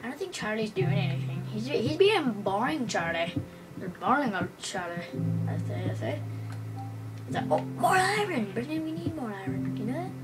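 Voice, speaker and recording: A woman's voice: a little high, moderate pace. A woman chattering playfully while playing a video game, cooing and calling to a game creature like a pet, with game music behind her. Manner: excitable, coos and calls to a game creature like a pet. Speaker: gamer recording gameplay.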